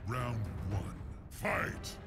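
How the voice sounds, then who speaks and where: A man's voice: mid-range voice, sing-song, drawn-out words, gravelly, full character voice. A man playing a commanding fighting game announcer, making emphatic calls in game audio. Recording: video game audio under music.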